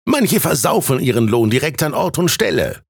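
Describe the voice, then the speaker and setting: A man voicing a sober, eager young male student explaining trade, pitched above his own voice. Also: very animated, normal speed, gravelly, husky, no room sound, studio quality, exaggerated voice. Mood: lively.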